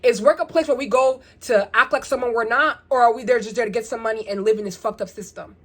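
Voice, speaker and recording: A young woman talking casually to her viewers in a rambling, animated vlog, firing off rhetorical questions. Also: on the high side, fast. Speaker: vlogger. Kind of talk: casual get-ready-with-me vlog.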